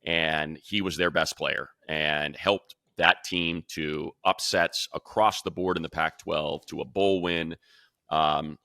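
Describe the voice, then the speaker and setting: A man hosting sports analysis speaks slowly with fairly even intonation, his very low voice still bright and forceful. Emphatic yet conversational, he thinks through his reasoning out loud. The audio is close and dry, with no echo.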